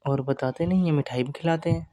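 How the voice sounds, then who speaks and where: Sulky young man on a call, dark voice. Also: on the high side, a little fast. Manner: sulky, hurt, keeps insisting he is fine. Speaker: boyfriend on a phone call. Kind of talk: staged romantic phone call.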